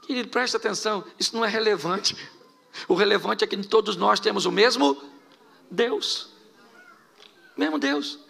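A man's voice: high voice, normal speed, gravelly, long pauses, fairly bright tone. A middle-aged Brazilian man preaching a sermon as pastor, firing off rhetorical questions and joking asides.

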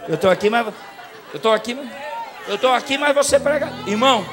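High-voiced Brazilian preacher with music behind. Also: male voice, brisk, a faint crowd. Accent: Brazilian Portuguese. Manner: storytelling, swings from quiet to shouting. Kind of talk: sermon.

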